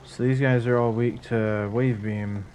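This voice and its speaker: Casting: male streamer, mid-pitched, chatty and self-deprecating, faint room ambience. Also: steady tone, a little slow, a little mellow, slight background noise. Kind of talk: casual gameplay commentary.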